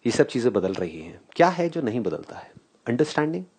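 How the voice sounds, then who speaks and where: A man giving a live spiritual talk to an audience, animated and questioning, often laughing as he mixes English phrases into Hindi. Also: mid-range voice, fairly quick, slightly rough. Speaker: spiritual speaker.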